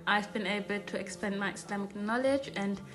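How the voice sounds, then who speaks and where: A woman's voice: mid-range voice, brisk. Brief: woman in her 20s, earnest student testimonial, phone held at arm's length, music underneath. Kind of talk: spoken testimonial. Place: small indoor room.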